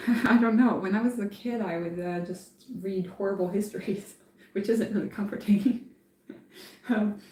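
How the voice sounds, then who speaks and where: A woman who grew up in France, chatting casually on a live stream and thinking aloud with many pauses and fillers. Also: mid-range voice, steady tone, darkish tone. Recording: echoey room.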